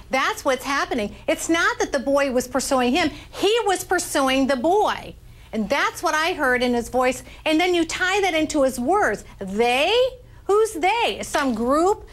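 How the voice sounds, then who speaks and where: A woman's voice: sits high, lively intonation, unhurried. A woman appearing as a body language expert on a news panel, explaining her analysis emphatically and asking rhetorical questions.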